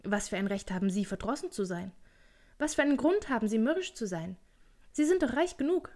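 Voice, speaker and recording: A woman voicing a cheerful, warm-hearted young man in a storybook reading, speaking brightly and eagerly. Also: mid-range voice, moderate pace, lightly acted. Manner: bright, lively, pleading.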